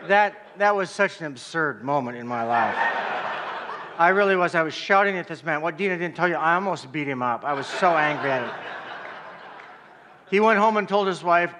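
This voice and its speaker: A man's voice: fairly high pitch, animated, normal speed, background noise. A man, the guest preacher, opens his talk with self-deprecating jokes and banter with the congregation.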